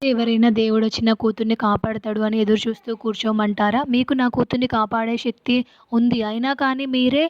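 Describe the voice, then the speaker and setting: A woman's voice: fairly high pitch, flat delivery, brisk, no room sound, lo-fi sound, natural voice. Woman reading a desperate mother's spirit. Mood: pleading. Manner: recited plainly in her own voice.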